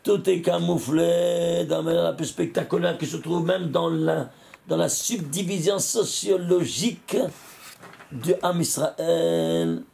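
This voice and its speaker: Rabbi guy teaching torah, highish gravelly voice, keeps asking the room questions, yells sometimes. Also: slow pace. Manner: animated, questioning the audience, bursts of shouting. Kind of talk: Torah lesson.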